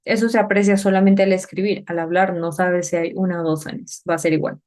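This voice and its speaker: A woman teaching an English grammar lesson at a whiteboard, explaining step by step, checking understanding with questions, and saying the English examples slowly and carefully. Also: fairly low pitch, steady tone, darkish tone.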